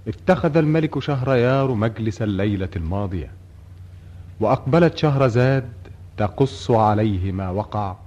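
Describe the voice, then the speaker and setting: A man's voice: on the low side, lively intonation, normal speed, darkish tone. A man narrating and announcing a radio drama in formal scripted style. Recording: muffled old radio recording, faint noise.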